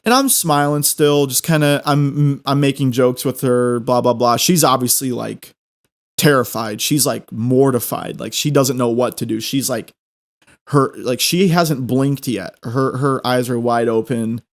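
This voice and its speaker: A man's voice: medium pitch, steady tone, measured pace. A man telling a personal anecdote casually, in a rambling, repetitive and self-deprecating way. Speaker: storyteller.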